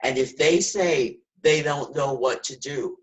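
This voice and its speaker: A woman's voice: extremely low pitch, unhurried, rough recording. A woman in her sixties talking earnestly and preachily in a casual video call discussion, as host. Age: 60s.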